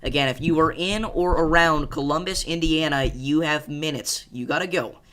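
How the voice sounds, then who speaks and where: A man hosting live severe weather coverage, speaking with urgent, emphatic and repeated pleas in a halting, distressed delivery. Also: on the high side, sharp tone. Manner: urgent, emphatic, repetitive pleading warnings. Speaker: live storm coverage host.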